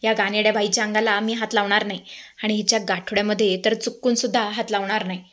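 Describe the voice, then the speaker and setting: A woman's voice: mid-range voice, level tone, fast, a bit bright, close to an everyday voice. A woman voicing a haughty, suspicious rich lady who orders people about and scorns a poor servant. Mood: bossy, scornful. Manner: commanding, scornful.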